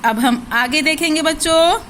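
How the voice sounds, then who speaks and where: A woman's voice: high voice, moderate pace, fairly bright tone, a little hiss or hum, low-quality recording. A woman teaching a class of young children, spelling out words syllable by syllable and asking questions that she then answers herself. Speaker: primary school teacher. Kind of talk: slow, drilled recitation lesson for young children.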